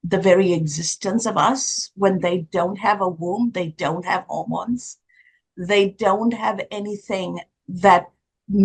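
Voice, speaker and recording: A woman from Sri Lanka, hosting an interview and making her points earnestly and deliberately. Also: mid-range voice, slightly rough. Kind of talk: interview questions.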